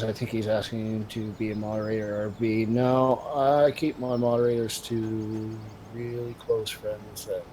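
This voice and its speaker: A man's voice: fairly low pitch, a little mellow, slight background noise. A man answering viewer questions on a game stream, hesitant and full of ums. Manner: slow, hesitant, many ums. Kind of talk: casual stream chat.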